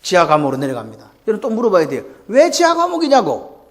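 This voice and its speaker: A man's voice: sits high, huge pitch swings, quick pace. A male pastor preaching a Sunday sermon, throwing rhetorical questions and calls for response to his congregation. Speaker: senior pastor.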